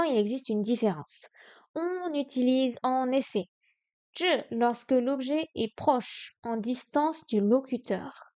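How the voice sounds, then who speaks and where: A woman streaming herself studying Chinese, sounding out words slowly and correcting herself aloud. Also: high-pitched, darkish tone. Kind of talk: live-stream study session.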